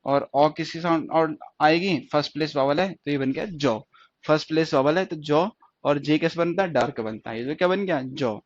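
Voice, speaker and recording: A man's voice: fairly high pitch, brisk. A man teaching shorthand in a classroom lesson, explaining step by step and repeating each point with checking questions. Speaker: stenography teacher. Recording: dull lo-fi dry recording.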